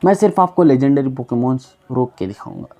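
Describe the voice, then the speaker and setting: A young man casually reading aloud a long list of names for his viewers, sounding them out slowly and often stumbling and repeating them. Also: medium pitch, very animated, mellow, lo-fi sound. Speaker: YouTuber reading Pokémon names.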